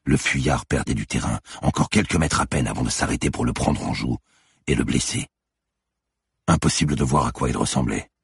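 A man reads a thriller in a tense, measured voice. His tone sits extremely low, full of fry and deeply husky, and the recording is close and completely dry. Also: dry recording. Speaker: audiobook narrator. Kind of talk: scripted thriller narration.

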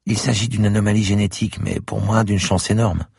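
A man reading a story aloud and voicing a timid little girl of nine or ten in a high, pleading childlike voice. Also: fairly even intonation, fairly quick, creaky, darkish tone, husky, no echo, clean studio sound, heavily acted. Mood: tender.

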